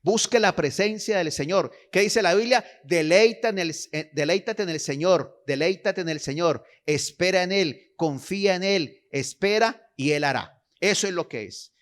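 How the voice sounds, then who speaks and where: A man's voice: sits high, normal speed, few pauses. A man preaching a sermon, exhorting his listeners, repeating phrases and checking in with them, and reading scripture aloud with emphasis.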